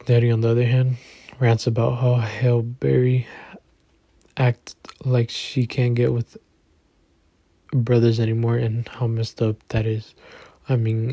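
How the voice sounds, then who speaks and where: A male audiobook narrator giving an even, understated first-person reading. His pitch stays very flat and his tone is dark and mellow, recorded dry on a close studio mic. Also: no room sound.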